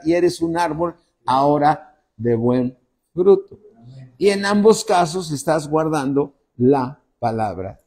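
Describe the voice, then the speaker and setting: A pastor delivering a sermon in a husky, somewhat breathy voice. His tone is mellow and dark. He stretches out the phrases he stresses, rises to loud high peaks and drops to soft low asides.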